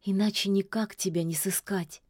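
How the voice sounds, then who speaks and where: A woman voicing a sharp-tongued but kindly old forest witch in a fairy tale, muttering and scolding in a folksy way. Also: mid-range voice, expressive, unhurried, dry recording, studio quality, lightly acted. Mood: soft.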